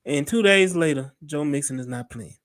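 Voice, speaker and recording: A man with a Texan accent co-hosts a casual sports podcast in a fairly high voice. He talks in an animated way, laughs easily and cuts in to read out listener comments. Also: normal speed. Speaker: podcast co-host.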